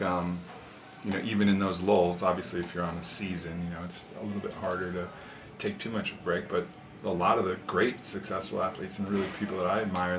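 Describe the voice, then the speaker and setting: A man in his thirties talking casually and reflectively, earnest and philosophical. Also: low-pitched. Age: 30s. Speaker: interviewee, show host. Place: small sauna. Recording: echoey room with steady background noise.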